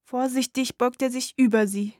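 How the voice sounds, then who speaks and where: A woman narrates a dramatic audiobook in a slow, hushed, intense reading. Her voice is high and bright. The recording is close and dry, with no room sound. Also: fairly even intonation, no room sound.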